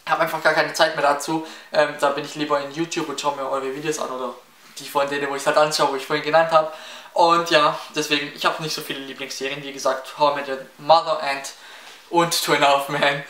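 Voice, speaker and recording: His voice sits on the high side, fast, pushed and bright with little pitch movement: a seventeen-year-old from the Stuttgart area of Baden-Württemberg, speaking with a Swabian accent. He rambles through viewer questions in a casual Q&A vlog, full of fillers and restarts, from a small indoor room before window blinds. The room echoes and the mic is slightly distant.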